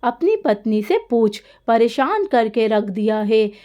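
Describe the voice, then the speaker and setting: A woman's voice: fairly high pitch, sing-song, slow, dull audio. A woman voicing an irritable older mother-in-law who snaps and scolds when her rest is disturbed in a spoken story. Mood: complaining. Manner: snappish and scolding.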